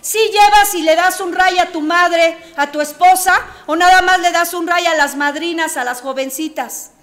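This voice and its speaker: A woman's voice: very high voice, moderate pace, a bit bright. A Mexican woman, a psychologist, giving a preachy radio talk full of rhetorical questions. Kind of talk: radio talk on addiction recovery. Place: radio studio.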